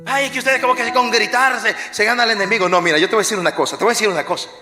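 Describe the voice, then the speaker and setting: A male pastor preaches in a high, ringing voice with a bright edge. He leads his congregation in call-and-response, jokes with them, and drops from shouted war cries to near-whispers. The live recording rings with a long church echo and faint music behind. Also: racing. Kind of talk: energetic sermon. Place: large church hall.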